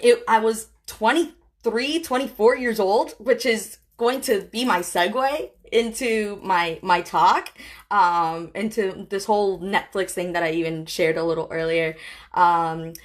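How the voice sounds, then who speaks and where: A woman's voice: mid-range voice, measured pace. A woman in her thirties talking casually and encouragingly to a live-stream audience, chatty and full of fillers. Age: 30s. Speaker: host.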